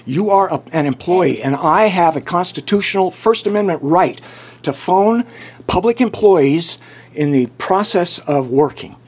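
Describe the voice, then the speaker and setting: A man in a small town hall office stands his ground as he films a clerk. His voice sits a little high, and he talks in a combative, insistent way, often getting loud. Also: animated, measured pace, husky. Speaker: taxpayer filming a town office. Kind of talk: heated confrontation. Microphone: handheld camera recording.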